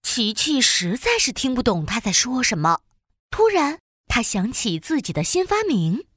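A woman narrator reading a scripted children's story in an animated storytelling style. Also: on the high side, normal speed, slightly rough, dry recording, studio quality.

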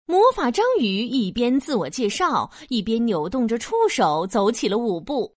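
A woman narrating a scripted children's story in an expressive storytelling manner. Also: on the high side, normal speed, no echo, studio quality.

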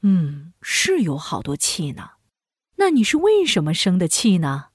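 A woman voicing a calm, kind mother pig in a storybook. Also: lowish voice, a little slow, slightly rough, no echo, clean studio sound, voice pushed down, exaggerated voice. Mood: gentle. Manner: soft, soothing.

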